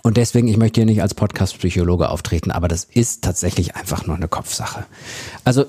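A man's voice: low voice, fairly quick, a little mellow, breathy edge, dry recording, studio quality. A man hosting his own podcast, giving direct, conversational advice to listeners in a plain-spoken way. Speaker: podcast host and consultant. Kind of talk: casual solo podcast advice.

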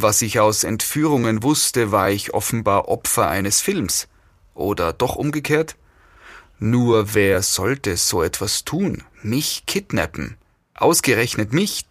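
A man reading a first-person story aloud as an audiobook narrator, wry and even. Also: on the low side, no room sound.

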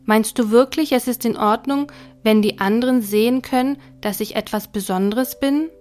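A woman's voice: moderate pace, close to an everyday voice. A woman doing an eager little childlike soul. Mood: puzzled. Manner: high, excited, questioning. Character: small curious childlike soul, eager and cheeky.

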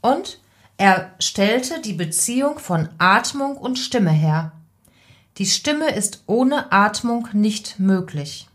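A woman voice coach giving calm, deliberate advice in an instructional podcast. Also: mid-range voice.

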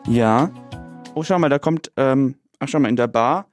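Deadpan young man, lots of fillers. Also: mid-range voice, moderate pace, over music.

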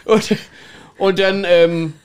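A former toilet attendant, now middle-aged, tells stories in a relaxed, talkative way, laughing a lot and ending lines with "ne?" to check in with his listener. His voice is high with fairly even intonation, his delivery very slow, and the tone clean.

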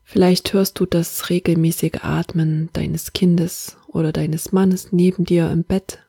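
A woman leading a guided meditation in a soft, half-whispered, calm and soothing manner. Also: lowish voice, a little slow, gravelly, husky, no echo, clean studio sound.

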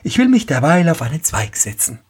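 A man voicing a small, vengeful male sparrow in a spoken fairy tale, with a very high piping squeak and taunting, sing-song threats. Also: very animated, a little fast, breathy edge. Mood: gentle.

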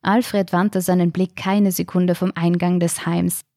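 Woman narrator, lowish voice, calm and measured, dry close sound. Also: no echo. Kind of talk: audiobook narration.

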